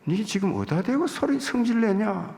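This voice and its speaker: A man's voice: big pitch swings, normal speed, vocal fry, darkish tone, heavily acted. A pastor voicing God as a stern male voice that rebukes him, heard with hall reverb. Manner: rebuking, raised pitch.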